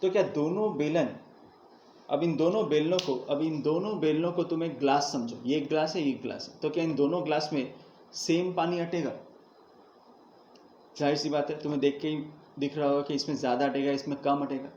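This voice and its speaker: A man's voice: a little high, brisk, dark tone. Man teaching math in an echoey room. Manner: explains step by step, asks students questions and answers them himself. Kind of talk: classroom math lesson at a board. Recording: echoey room, dull lo-fi sound, faint hiss.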